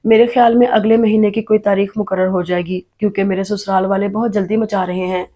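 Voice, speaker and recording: A woman's voice: mid-range voice, steady tone, mellow, natural voice. A woman reading the part of a cheerful, chatty young woman from a rich family, in a story reading.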